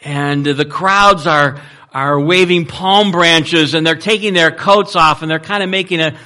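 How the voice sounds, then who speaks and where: A male pastor preaching a sermon, telling the story in an animated way and repeating words as he restarts. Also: on the high side, measured pace. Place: church.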